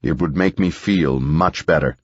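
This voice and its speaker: A man voicing a calm, injured middle-aged male scientist who speaks in a low, measured murmur. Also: breathy edge, no room sound, dull audio, full character voice.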